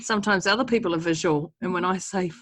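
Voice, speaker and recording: A woman's voice: lowish voice, quick pace, a bit bright. A woman with a New Zealand accent chatting casually as a podcast co-host, giggly, blunt and self-deprecating. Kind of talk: casual chat.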